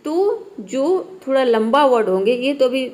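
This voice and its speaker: Lady teacher explaining spelling rules, slightly high voice, patient, keeps saying theek hai. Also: very animated, measured pace, a little mellow. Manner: patient, repeats "ठीक है" and "देखिए" often. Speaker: English teacher. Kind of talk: classroom spelling lesson.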